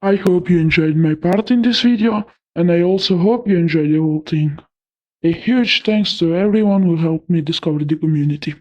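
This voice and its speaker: A man from Italy talking through a pitch-shifting voice changer, shyly reading a prepared interview answer. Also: normal speed, a little mellow, lo-fi sound. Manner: shy, reading a prepared script.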